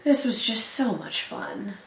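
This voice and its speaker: A woman co-hosting a reaction show, chatting casually and thinking out loud with quick asides. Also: fairly high pitch, very animated, vocal fry, roomy sound. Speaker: reaction channel co-host. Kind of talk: casual chat.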